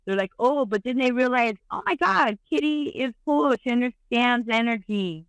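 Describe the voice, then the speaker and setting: A woman's voice: mid-range voice, a bit bright, clear, resonant tone, dry recording, poor audio. A woman guest on a podcast, chatting candidly in a rambling, bawdy, giggly way. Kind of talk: candid casual chat.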